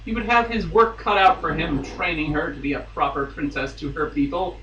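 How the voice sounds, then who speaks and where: This man's voice sits a little high and moves fairly quickly, with the highs cut off. He's a podcast guest reading a romance novel dramatically and theatrically, breaking off for amused asides. The mic is distant, the room roomy, and there's faint noise.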